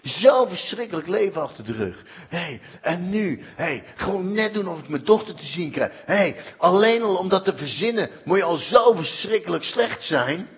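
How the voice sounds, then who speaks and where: A fairly high-pitched man tells his own life story as a testimony, dramatic and full of little exclamations. The recording is dull and lo-fi, with the top end rolled off. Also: expressive, normal speed, few pauses. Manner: dramatic storyteller, peppers speech with "hé". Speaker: former prisoner giving a personal testimony. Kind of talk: emotional personal testimony.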